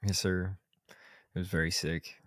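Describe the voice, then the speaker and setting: A man's voice: deep voice, little pitch movement, unhurried, a bit bright, no echo, studio quality. A young man co-hosting a podcast, sleepy and laid-back, speaking in casual slang. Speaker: podcast co-host.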